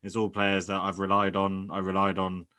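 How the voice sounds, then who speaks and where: Man, podcast host, casual chat, lowish voice, bright and forceful, hesitant with fillers. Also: monotone, normal speed, smooth. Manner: hesitant, many fillers and restarts.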